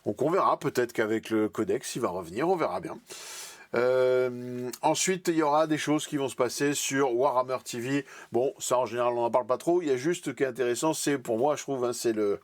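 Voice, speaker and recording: A man's voice: mid-range voice, a little fast, dry recording. A man hosting a casual weekly hobby news recap, chatty and hesitant, with many fillers and restarts. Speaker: channel host.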